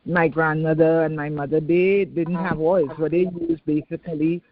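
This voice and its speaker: A woman's voice: deep voice, little pitch movement, normal speed, a crowd in the background. An older woman from Trinidad with a Trinidadian accent, calling in with an earnest question. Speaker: caller. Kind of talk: call-in question. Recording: tinny phone line.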